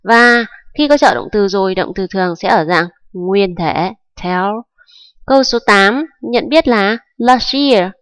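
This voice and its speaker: A woman's voice: medium pitch, lively intonation, unhurried, a bit bright, clean tone, no room sound. Woman teacher going through grammar rules step by step, patient, keeps checking you follow, dry close sound. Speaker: English teacher. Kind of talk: grammar lesson explanation.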